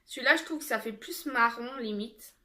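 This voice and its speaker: A woman's voice: on the high side, moderate pace, bright, forceful tone. A young woman chatting casually in a haul video, with lots of fillers and restarts. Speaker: haul vlogger.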